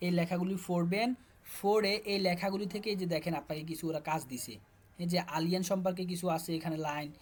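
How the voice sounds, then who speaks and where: A man speaking Bengali with a Bangladeshi accent, teaching German. He walks students through textbook exercises and repeats words as he goes. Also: high voice. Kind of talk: casual explanatory lesson.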